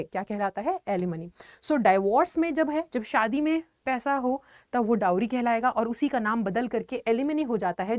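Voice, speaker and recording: A woman's voice: on the high side, no echo. Indian woman teaching, dry close sound. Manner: explains patiently, repeats questions and answers for students. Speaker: English teacher. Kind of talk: online exam-prep lesson.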